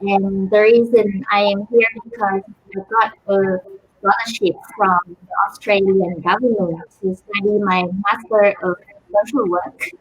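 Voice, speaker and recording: Soft-spoken woman. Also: mid-range voice, steady tone, measured pace, husky, rough recording. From Vietnam. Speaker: social work graduate student.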